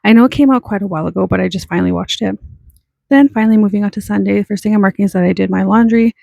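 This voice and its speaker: A woman's voice: medium pitch, racing, gravelly, mellow, no echo. A young woman from Canada, rambling and self-deprecating as she chats through a planner walkthrough. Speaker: planner vlogger.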